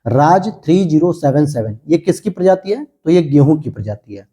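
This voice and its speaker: An Indian man lectures like a teacher, posing exam questions aloud one by one and then supplying the answers. He speaks at normal speed with lively intonation, his slightly high voice dark, mellow, and a bit husky.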